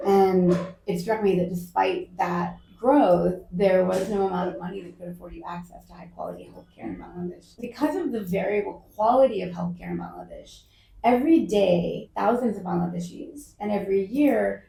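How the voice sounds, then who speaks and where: A woman founder answers interview questions with candid emphasis. Her voice is gravelly and dark. She sits away from the mic, and the room gives a lot of echo. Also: mid-range voice. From United States. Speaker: healthcare company founder. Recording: echoey room, mic at a distance.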